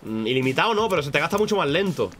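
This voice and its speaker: A man giving casual, swear-heavy live commentary on a game, breaking into loud high shouts when startled. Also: big pitch swings, rapid-fire, faint music behind. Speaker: streamer.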